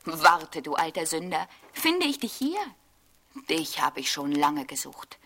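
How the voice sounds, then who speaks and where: Woman doing a gruff forester guy in a storybook, low and muttered. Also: sing-song, measured pace, pushed and bright, full character voice. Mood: stern. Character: stern male forester, gruff hunter.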